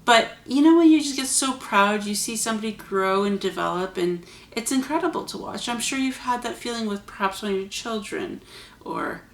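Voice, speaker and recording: A woman's voice: on the high side, animated, normal speed, roomy sound. A woman hosting her own vlog, talking casually and earnestly to her viewers with chatty asides. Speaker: vlog host. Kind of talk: casual spoken reflection to camera.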